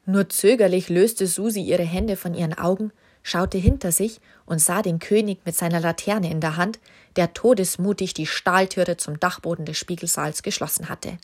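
Husky, low-voiced woman reading a children's story. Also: moderate pace, darkish tone. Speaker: narrator.

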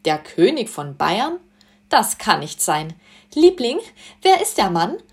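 A woman voicing a poised noble lady with a bright, light voice in a children's story. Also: fairly low pitch, normal speed, natural voice. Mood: surprised.

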